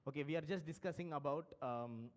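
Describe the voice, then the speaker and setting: A man's voice: fairly high pitch, brisk. A man with a Telugu-tinged Indian English accent preaching a live sermon as pastor, firing questions at the congregation and acting out voices.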